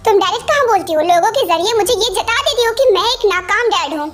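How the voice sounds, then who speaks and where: A jealous young husband who scolds and accuses his wife and admits his insecurity, dubbed by an amateur fan performer. The voice stays very high for a husband, in a homemade fan-dub reading. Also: animated, fast talker, a bit bright. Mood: accusing.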